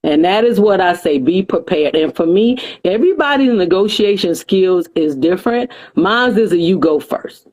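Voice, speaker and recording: Woman, lowish voice, animated podcast guest talking shop. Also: moderate pace, hardly any pauses. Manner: animated, acts out broker calls. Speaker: dispatcher guest. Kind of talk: podcast interview chat.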